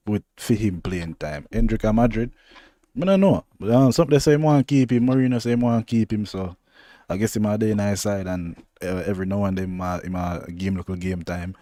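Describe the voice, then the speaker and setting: In a clean studio recording with no echo, a young Jamaican-accented man co-hosts a podcast in a lowish, mellow voice. He talks football in a laid-back, rambling way, with loose patois phrasing.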